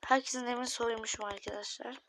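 High-voiced woman chatting through a game. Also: steady tone, fast, a bit bright, slight background noise. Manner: chatty, talks to viewers, often drops to a whisper. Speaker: gaming YouTuber. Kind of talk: casual gaming commentary.

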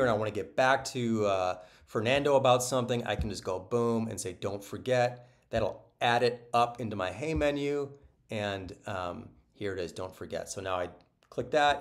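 A man giving a casual, upbeat screen-share walkthrough of a software product, talking loosely with many ums and restarts. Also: fairly low pitch, gravelly. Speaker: product presenter.

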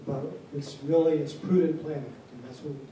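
A man leading a town hall meeting as base commander, answering questions in a measured, formal, plainspoken way before a seated audience. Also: fairly high pitch, fairly even intonation, warm tone. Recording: echoey hall from far off, faint noise.

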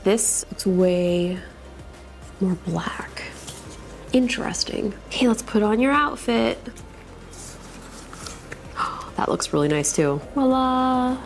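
A woman hosting a casual unboxing vlog from her own studio, bubbly and excitable and gushing over what she unpacks. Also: a little high, takes it slowly, long pauses, faint music behind. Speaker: tech YouTuber host.

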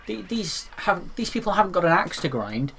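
A man's voice: sits high, big pitch swings, normal speed, gravelly, a bit bright. A man co-hosting a casual gaming podcast, rambling with lots of fillers and restarts and teasing his co-host. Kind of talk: casual chat.

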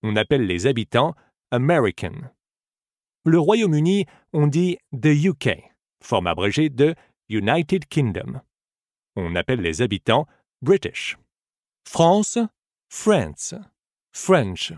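Slow, animated male language tutor. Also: medium pitch, dry recording, clean studio sound. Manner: slow, careful model pronunciations for repeating. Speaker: language teacher. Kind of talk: scripted audiobook lesson.

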